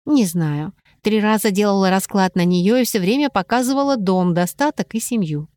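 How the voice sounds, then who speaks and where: A woman's voice: medium pitch, normal speed, no echo, studio quality, close to an everyday voice. Woman voicing an eager young witch. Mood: excited. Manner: excited hushed delivery. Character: eager young female witch fortune-teller.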